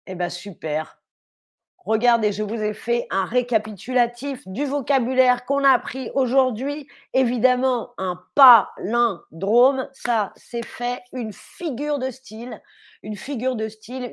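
A woman teaching a live streamed lesson, playful and enthusiastic, reading the chat and spelling words out slowly. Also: medium pitch.

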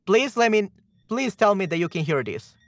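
High-pitched and very animated at a moderate pace, a livestream host talks through his audio troubles in a casual, tentative, think-aloud manner. He's near the microphone, and no room sound is audible.

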